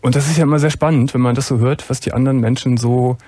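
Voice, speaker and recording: A man hosting a late-night call-in radio show, calm and attentive, prompting the caller with short questions. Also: medium pitch, fast talker, no room sound.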